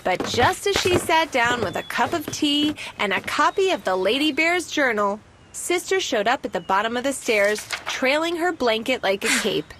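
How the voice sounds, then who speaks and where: A woman reads a children's story aloud with an expressive, storytelling delivery. Her voice is fairly high and swings widely in pitch. A steady background hiss sits under the recording. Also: moderate pace. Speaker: storybook narrator. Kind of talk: scripted children's story narration.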